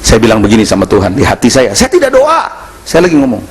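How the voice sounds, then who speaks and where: A male pastor, preaching a sermon at a church service and telling a personal story in animated, slangy dialogue. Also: mid-range voice, fast talker, slightly rough.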